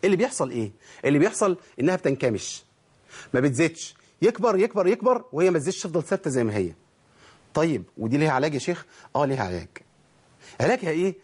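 A man's voice: a little high, sing-song, very fast, a little mellow, slightly rough. A man with an Egyptian accent teaching Quran recitation rules, who poses questions to himself and then answers them. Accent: Egyptian Arabic. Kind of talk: spoken tajweed lesson.

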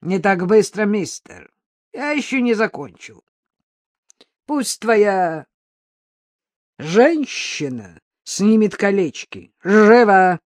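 A woman voicing a menacing male street robber in an audiobook, speaking in a gravelly, mocking, threatening way. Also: medium pitch, very animated, unhurried, dry recording, clean studio sound.

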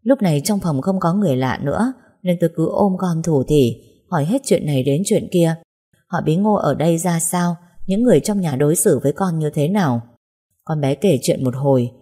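Low-voiced woman narrating an audio story. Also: mellow, husky. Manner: tender, emotional storytelling.

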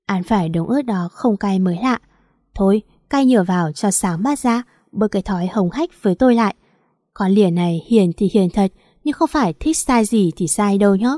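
A woman's voice: medium pitch, lively intonation, moderate pace, dark tone, dry recording, clean studio sound. A woman narrating a story in the first person, wry and confiding.

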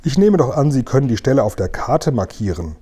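A man's voice: medium pitch, sing-song, fairly quick, warm tone, slightly rough. Stuffy offended storybook general, read by a man, stiff and raised. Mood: indignant. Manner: stiff, indignant. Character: pompous, touchy old air force general.

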